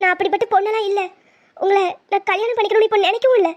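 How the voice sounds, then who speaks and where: A woman's voice: extremely high pitch, lively intonation, quick pace, darkish tone, highs cut off. A woman voicing a wronged young college woman, emotional and defiant, in a cartoon. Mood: pleading. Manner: pleading then defiant, emotional.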